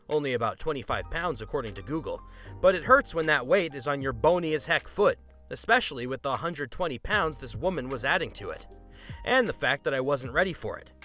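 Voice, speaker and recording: A man narrating a first-person story in an expressive, scripted reading. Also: on the high side.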